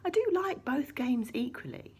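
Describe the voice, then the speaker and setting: Lady doing a kids church talk w puppets, breathy voice, soft whispery bits, bouncy. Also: sits high, expressive, normal speed. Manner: playful, talks to puppets, often drops to hushed asides. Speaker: children's church leader.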